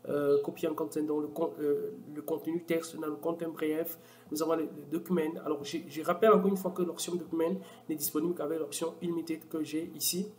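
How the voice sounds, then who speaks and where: A man walking viewers through a software tool in a casual screen-recorded tutorial, with many fillers and restarts. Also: fairly high pitch, little pitch movement, fast talker. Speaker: software demo presenter.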